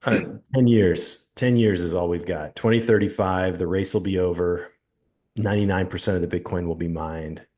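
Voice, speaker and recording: Forties male co-host, deep low pitch, laid-back and chatty. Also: normal speed, darkish tone. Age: 40s. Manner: easygoing, laughs often, lots of fillers. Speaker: podcast co-host. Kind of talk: casual chat.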